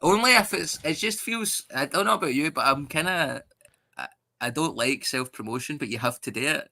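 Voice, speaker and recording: Bright-voiced Scottish man telling stories. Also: a little high, moderate pace, gravelly. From Scotland. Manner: animated storyteller, swears, acts out voices. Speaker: stand-up comedian guest. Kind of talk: casual podcast interview.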